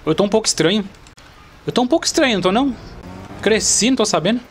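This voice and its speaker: A man with a Brazilian Portuguese accent giving chatty, excitable gameplay commentary to his viewers. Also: sits high, fast talker, slight background noise. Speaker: gaming channel host. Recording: loud car and game sounds behind.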